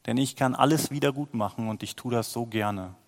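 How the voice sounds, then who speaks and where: A man voicing a gentle, deep-voiced king who speaks to his adopted child as a loving father, soft and reassuring. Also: a little fast, in a large hall, close to an everyday voice. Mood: calm, tender. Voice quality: deep, calm.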